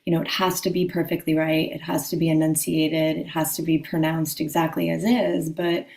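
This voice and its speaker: A woman's voice: sits low, little pitch movement, moderate pace, vocal fry, darkish tone, reverberant, low-quality recording. A woman putting a thoughtful question to a spiritual teacher, hesitant and searching. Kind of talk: asking a question in conversation.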